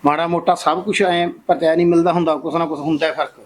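Actor as gruff father, husky and dismissive. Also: fairly high pitch, fairly even intonation, quick pace, natural voice. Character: stubborn rural father defending the match.

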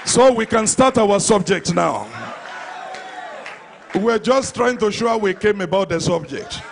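Speaking unhurriedly with lively intonation, a middle-aged man with a Nigerian accent and a high, gravelly voice delivers a fervent sermon on a handheld microphone to a congregation in a big church hall. He repeats phrases for emphasis. The live PA recording picks up a faint crowd and slight background noise.

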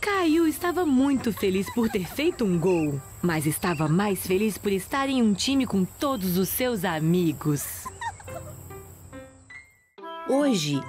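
A woman's voice: mid-range voice, a little mellow. A woman narrating a children's cartoon as a storyteller, reading scripted lines.

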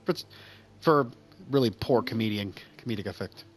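A man's voice: on the low side, normal speed, a little hiss or hum. A man hosting a casual let's play, joking and sarcastic as he talks over the game, swearing now and then. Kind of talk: casual gameplay commentary.

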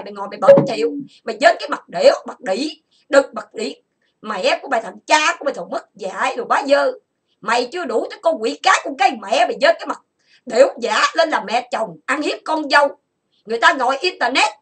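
Furious high-pitched woman ranting. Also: bright, forceful tone. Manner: furious, insulting, listing grievances in rapid bursts. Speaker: online chat room host. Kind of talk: angry ranting monologue.

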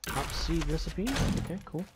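A man's voice: a little high, fairly even intonation, normal speed, noisy background. A man with a Texan accent, hosting a gameplay channel, thinking aloud in a rambling, hesitant way while he plays. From Texas. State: yawning. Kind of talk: casual gameplay commentary. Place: home room. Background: holiday music and fireworks outside.

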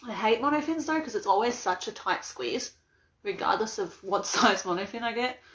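Speaking in a mid-range, animated voice with a fairly bright tone and moderate pace, this young Australian vlogger rambles chattily and laughs often. She's unboxing something on a live stream in her small, messy bedroom, filmed by a phone camera balanced on a mug.

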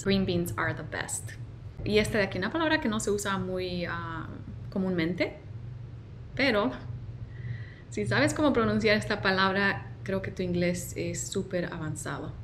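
Female language teacher, unhurried delivery, drills each word over and over, faint background hiss. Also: medium pitch, expressive. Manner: slow, repeats each word carefully. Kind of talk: pronunciation lesson.

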